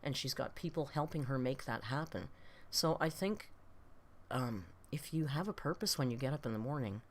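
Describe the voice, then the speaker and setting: Her pitch is extremely low but her intonation is lively, and she talks at a normal speed. She's a woman in her late fifties hosting a casual reaction live stream, rambling with viewers in a blunt, self-deprecating manner and swearing a little.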